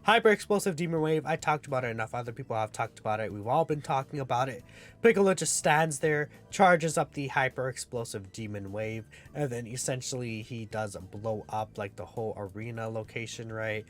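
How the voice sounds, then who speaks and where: A man's voice: mid-range voice, brisk, faint music behind. A young man giving casual, rambling game commentary as a YouTuber, with many fillers. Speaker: gaming YouTuber.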